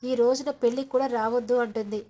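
A woman's voice: on the high side, steady tone, fast talker, warm tone, a little hiss or hum. Woman retelling a serial episode. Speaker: storyteller.

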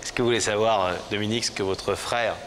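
A man's voice: on the low side, fairly even intonation, fast talker. A man interviewing guests conversationally as a television host. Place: television studio with audience. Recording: noisy television studio.

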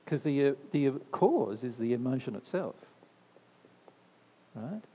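In a mid-range, sing-song voice that is unhurried, dark, and slightly rough, a man gives a spiritual talk at an indoor discussion venue. He answers the live audience's questions conversationally, frequently saying "right?" and repeating phrases for emphasis. The sound is lo-fi with a long hall reverb.

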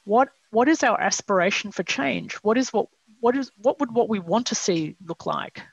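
A woman in her fifties speaks into a headset on a video call from her home study. Her voice is gravelly and husky, with a dry, close sound. She talks emphatically and poses rhetorical questions. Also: medium pitch, lively intonation, moderate pace, dry recording, dull audio. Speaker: seminar presenter. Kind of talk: academic discussion on a video call.

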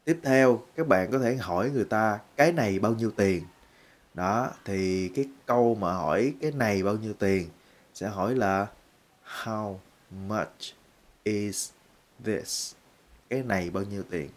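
A man with a Vietnamese accent teaching English phrases, repeating each one slowly word by word. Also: on the low side. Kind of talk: English lesson.

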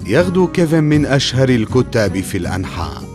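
A man narrating a dubbed drama story in an expressive storytelling manner. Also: mid-range voice, fast talker. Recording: music bed under narration.

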